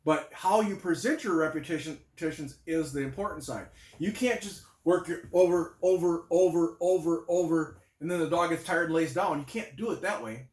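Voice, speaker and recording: A man's voice: on the high side, animated, fairly quick. Man, dog trainer, folksy casual explaining, roomy echo. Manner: folksy, talks to a dog with firm short commands. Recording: roomy echo, voice heard from afar.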